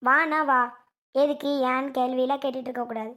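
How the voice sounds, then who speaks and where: A woman's voice: high-pitched, steady tone, a little fast, sharp tone. A woman playing a fussy grandmother in a family comedy skit, who nags, complains and lectures. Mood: scolding. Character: fussy scolding grandmother, protective of baby.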